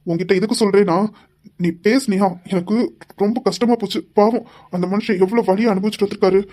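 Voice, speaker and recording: A man voicing a calm, devoted young husband in an audio drama, gently reproachful as he explains himself at length. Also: high voice, fast, close to an everyday voice. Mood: tender. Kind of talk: hobby audio drama acting.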